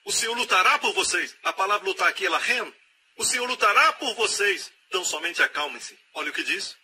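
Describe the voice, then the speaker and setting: A man preaching with a very bright, ringing tone and a fairly high voice. He hammers phrases home through repetition and slips into quoted voices. A faint hiss runs underneath. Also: lively intonation, fairly quick. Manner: emphatic, repeats key phrases, acts out quoted voices.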